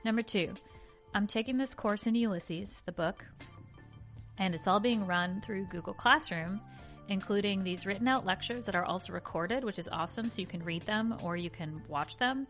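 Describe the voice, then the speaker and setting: A woman's voice: mid-range voice, moderate pace, a bit bright, faint music behind. A woman co-hosting a podcast in casual, rambling and playful chat. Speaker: podcast co-host.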